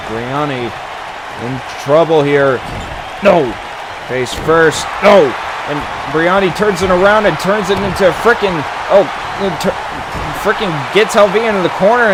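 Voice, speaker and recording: A man working as a wrestling commentator, giving excited, exclamatory play-by-play in halting bursts with mild slangy expletives. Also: high-pitched, background noise.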